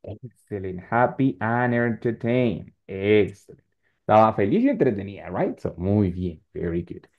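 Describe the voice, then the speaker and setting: Man teaching English, gravelly, dull sound. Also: on the low side, animated. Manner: patient, encouraging, explains slowly. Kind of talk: online class, mixing Spanish and English.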